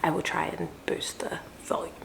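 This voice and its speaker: Hushed, quiet Australian woman. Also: moderate pace, in a whisper. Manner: talking very quietly so as not to wake sleepers. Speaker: book vlogger and host. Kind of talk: hushed, intimate vlog talk.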